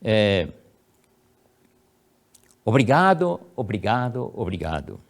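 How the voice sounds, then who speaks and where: A middle-aged man with a Brazilian Portuguese accent giving a sermon for an online meeting. He recites prayers slowly and emphatically and fills his speech with many pauses. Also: fairly low pitch, very animated, creaky. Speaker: lecturer of a religious movement. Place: home, recorded for an online meeting.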